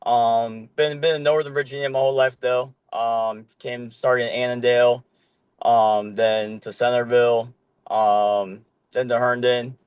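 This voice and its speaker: A young man born in Korea, a podcast guest talking casually about playing flag football, with a relaxed manner and plenty of ums. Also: medium pitch, a little slow, smooth, no room sound. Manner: relaxed, loose, with many ums and casual swearing. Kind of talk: casual chat.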